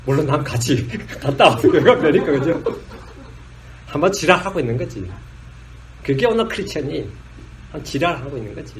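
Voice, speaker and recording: A pastor with a high-pitched voice delivers a blunt, scolding sermon. He acts out little exchanges between drinkers and churchgoers, dropping into coarse slang and breaking into laughter as he mocks them. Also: lively intonation, normal speed, pauses often, slight background noise.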